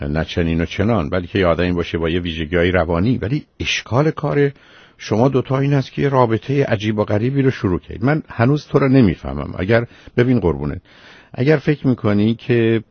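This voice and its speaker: A man's voice: deep voice, slightly rough, no room sound. A man hosting a radio advice call-in show, calling the caller by fond terms and questioning her closely. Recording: muffled lo-fi radio broadcast.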